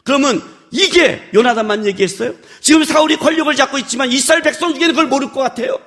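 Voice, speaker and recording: A man preaching a sermon in a church worship service, chatty and animated, firing rhetorical questions at the congregation and acting out scolding lines in sudden loud bursts. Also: very high-pitched, fast talker. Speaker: pastor.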